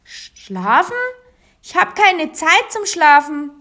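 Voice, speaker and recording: A woman voicing a small, eager girl witch from a storybook who talks high and breathless. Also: animated, slow. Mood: excited.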